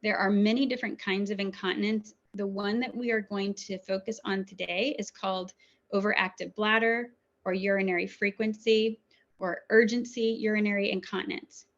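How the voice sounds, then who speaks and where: A woman's voice: medium pitch, fairly even intonation, normal speed. Woman doctor giving a webinar talk. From New Zealand. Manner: warm, conversational, frequent ums. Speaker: urologist. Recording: dull lo-fi webinar audio.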